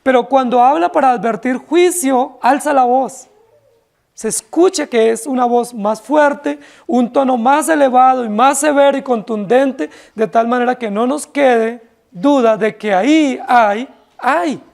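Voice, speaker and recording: A man's voice: extremely high pitch, measured pace, creaky, a little mellow. A man with a Colombian accent, preaching an expository sermon to his congregation in a church. He speaks emphatically and keeps checking in with his listeners through rhetorical questions. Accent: Colombian Spanish. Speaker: pastor.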